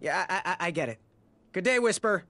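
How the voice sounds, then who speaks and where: A man's voice: high-pitched, expressive, a little fast, pushed and bright, exaggerated voice. An actor playing a good-natured young male knight in a video game, wry and a little hesitant.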